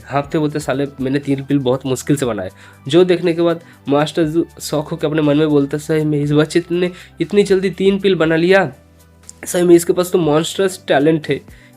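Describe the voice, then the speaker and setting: A man's voice: medium pitch, a little mellow. A man narrating a comic recap in a loose, slangy conversational way, speaking every character's lines himself. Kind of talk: casual storytelling recap, voicing all characters himself.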